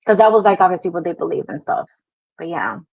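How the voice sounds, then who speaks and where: With a fairly low, gravelly, breathy voice in a quick, sing-song rhythm, this young Brooklyn woman of Dominican descent chats through her life story as an interview guest. She laughs readily, uses many fillers, and has a Spanish-tinged New York accent, heard over dull lo-fi video call audio without room sound.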